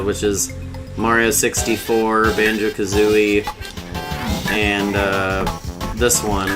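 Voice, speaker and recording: A man doing casual, informal game commentary as a streamer, explaining things with jokey asides over game music. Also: fairly low pitch.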